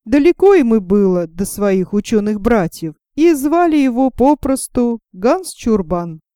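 Smooth-voiced woman reading a fairy tale. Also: on the high side, measured pace, dry recording, studio quality. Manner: expressive, animated storytelling. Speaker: narrator. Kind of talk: storybook reading.

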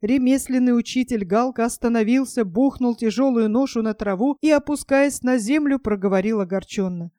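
Woman reading an audiobook, dry and high. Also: normal speed, hardly any pauses, mellow, dry recording. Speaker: narrator. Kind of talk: audiobook reading of a first-person story.

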